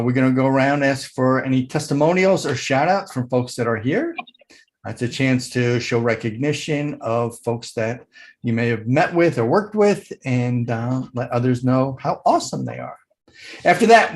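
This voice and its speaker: A man hosting a business networking meeting over a video call, relaxed and joking. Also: mid-range voice.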